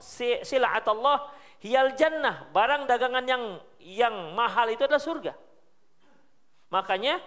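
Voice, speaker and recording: A male Islamic preacher with a Medan Indonesian accent, giving a sermon full of lively storytelling that swings between loud emphasis and soft hushed asides. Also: high-pitched.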